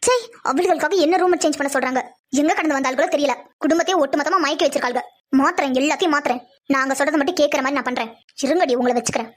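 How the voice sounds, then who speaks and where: Brief: a whiny, scheming girl in a cartoon, very high and rattling fast, as a woman voices her. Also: natural voice. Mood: spiteful. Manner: whiny, sarcastic. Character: spoiled scheming young woman, jealous and spiteful. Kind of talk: cartoon dub acting.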